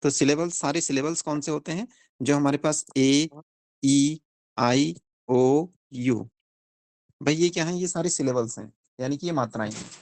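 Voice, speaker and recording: A man's voice: fairly high pitch, a little slow, darkish tone, dry recording. A young man teaching a phonics lesson in a classroom, explaining step by step and asking the class questions.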